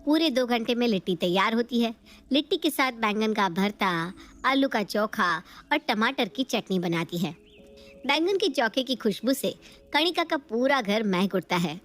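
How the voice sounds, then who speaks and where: A woman narrating a cartoon story with a high voice. She reads in a plain, even storytelling manner and moves the scenes along. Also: a little slow, soft background music.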